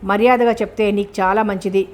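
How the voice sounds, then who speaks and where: A woman voicing a scheming male kidnapper who threatens and mocks a man over the phone in a storybook reading, at a middle pitch. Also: steady tone, fairly quick, natural voice. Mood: taunting. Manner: menacing, mocking.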